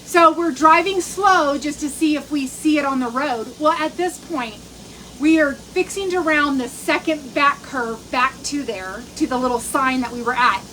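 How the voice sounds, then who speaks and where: A middle-aged woman with a high voice chats through a long, rambling story. She fills it with ums, restarts and asides to her viewers, in the easy way of a home cooking vlog. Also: moderate pace, pushed and bright, a little hiss or hum, rough recording. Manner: chatty, rambling, many fillers and restarts. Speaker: cooking vlogger. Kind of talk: casual storytelling chat.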